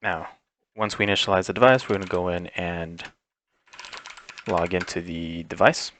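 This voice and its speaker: A deep-voiced man speaking at normal speed walks through a piece of software step by step as a tech instructor. It's informal and unscripted, with him explaining each setting as he reaches it.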